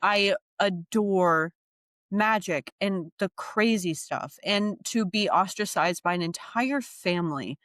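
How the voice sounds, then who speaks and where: A woman's voice: medium pitch, takes it slowly, fairly bright tone, dry recording, studio quality. A woman speaking as a podcast guest in an emotional personal conversation, heartfelt and rambling, near tears at times.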